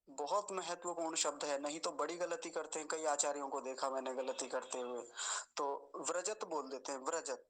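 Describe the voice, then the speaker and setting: A man patiently teaching mantra pronunciation, slowly repeating and drawing out each word. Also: a little high, fairly bright tone, low-quality recording. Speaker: Vedic recitation teacher. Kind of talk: pronunciation lesson.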